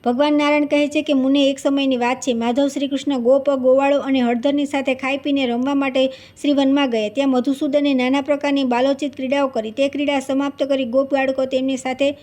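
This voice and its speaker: Brisk high-voiced woman reading scripture. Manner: brisk steady reading with small restarts. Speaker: scripture reader.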